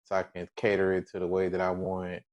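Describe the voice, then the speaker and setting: Very deep-voiced guy co-hosting a podcast, chill and teasing. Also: monotone, darkish tone, lo-fi sound. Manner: laid-back, playful teasing, drawn-out words. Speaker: podcast co-host. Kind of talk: casual chat.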